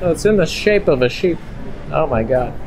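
Holding the camera at arm's length, a man in his thirties gives casual walk-along vlog commentary as he moves through a market and outside, a crowd audible behind him. His fairly high voice is animated and moderately paced, peppered with wry jokes. The handheld recording picks up plenty of ambient noise.

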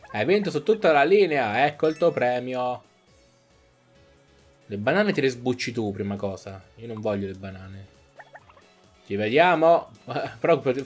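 A young man giving jokey, casual commentary while playing a video game, sometimes reading game lines aloud in playful voices. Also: mid-range voice. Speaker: gaming YouTuber. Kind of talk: casual let's-play commentary. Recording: faint game music behind.

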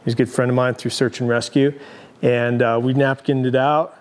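Relaxed man touring his garage workshop. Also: medium pitch, normal speed. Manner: relaxed, rambling with many fillers and restarts. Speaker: overland company founder giving a shop tour. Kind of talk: casual tour interview. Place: large indoor garage workshop.

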